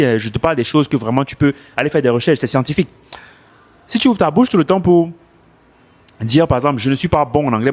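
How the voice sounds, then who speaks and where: A man coaching French speakers on learning English, talking casually into his phone outdoors and repeating his points for emphasis. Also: fairly high pitch. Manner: animated, repeats himself for emphasis. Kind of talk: casual advice vlog.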